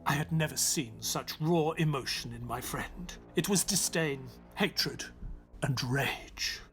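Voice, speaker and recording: An actor playing Dr. Watson, an earnest gentleman companion narrating a detective audio drama with measured storytelling. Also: on the high side, soft background music. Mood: earnest, dramatic.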